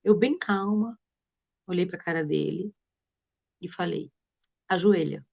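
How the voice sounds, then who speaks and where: A woman's voice: fairly low pitch, measured pace, gravelly, a little mellow. A woman, a guest on a live stream, telling stories earnestly and acting out what she says to her children. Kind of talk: casual live-stream conversation. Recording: dull lo-fi live-stream audio.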